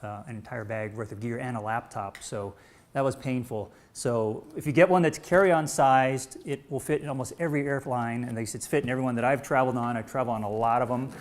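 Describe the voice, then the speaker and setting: A man presenting camera bags on a live show, relaxed and friendly as he gives tips. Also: medium pitch, brisk, slight background noise. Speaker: product presenter. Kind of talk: casual product demo.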